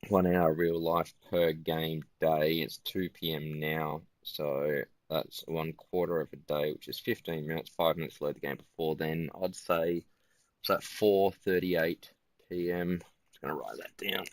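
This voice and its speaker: A tired man giving casual gameplay commentary in a flat, musing way. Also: rumbling low, measured pace, no room sound. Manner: self-described monotone, relaxed and musing.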